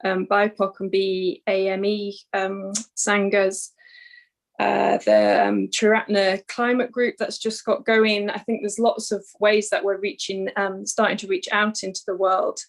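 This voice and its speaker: Enthusiastic woman on a panel, monotone delivery, plenty of "um"s. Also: mid-range voice, measured pace. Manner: enthusiastic, rambling with fillers. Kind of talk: panel discussion.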